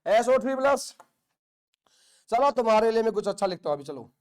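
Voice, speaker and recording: A man's voice: high voice, lively intonation, fairly quick, a little mellow. A male chemistry teacher from India lecturing a classroom, joking, teasing and scolding the students while drilling points by repetition. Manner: repeats phrases for drilling.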